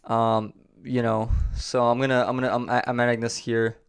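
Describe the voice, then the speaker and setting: A man's voice: mid-range voice, flat delivery, moderate pace, clean tone. A man hosting a business vlog, talking casually to camera and repeating himself as he rambles. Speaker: host of a business channel.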